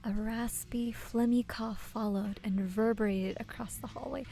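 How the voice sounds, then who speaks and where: A woman doing a game playthrough, reading dialogue aloud and reacting in a playful, expressive way. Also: on the high side, moderate pace, gravelly, rough recording. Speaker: let's player.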